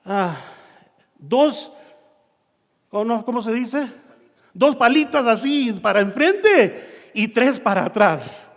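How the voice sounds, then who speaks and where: A man preaching a sermon, telling a personal story and acting out his own shouts and dialogue, in a church hall. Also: very high-pitched, sing-song, slow, long pauses. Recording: long reverb of a church hall.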